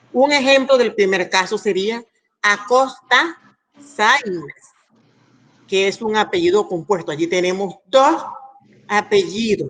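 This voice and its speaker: A woman teacher with an ordinary mid-range voice leads an online class. She explains each rule step by step in a patient, measured way. She pauses often to check in with her students. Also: mid-range voice. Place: school in Santiago.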